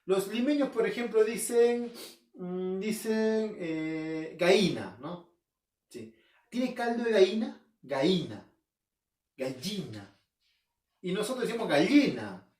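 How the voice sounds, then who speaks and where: A language teacher from Peru, Arequipa-accented, runs a recorded home-learning class in a high, animated, slightly mellow voice with wide pitch swings and a measured pace. He questions and answers himself, drives key terms home, and checks in with "¿ya?". His voice comes from far off the mic in a roomy, echoing space.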